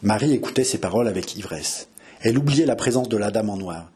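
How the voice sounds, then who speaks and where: A man reading a historical novel aloud with dramatic, expressive narration. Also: lowish voice, fast talker, husky. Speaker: audiobook reader.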